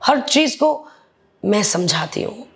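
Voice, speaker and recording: Her medium-pitched voice moves through big pitch swings at a slow pace as this reality show contestant, an interview guest, talks candidly. She speaks bluntly and animatedly, often switching into English phrases.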